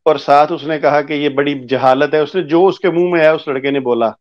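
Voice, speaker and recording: A man telling a long personal story as an interview guest, acting out the other people's lines as he goes. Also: on the high side. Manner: animated storyteller who acts out quoted dialogue. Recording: muffled lo-fi audio.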